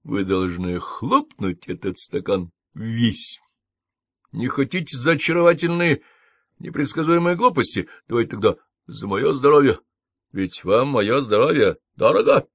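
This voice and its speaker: A man voicing an eccentric, excitable middle-aged official who exclaims and mocks theatrically in an audiobook. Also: mid-range voice, measured pace, vocal fry, no echo, clean studio sound, exaggerated voice. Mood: insistent. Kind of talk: audiobook character voice.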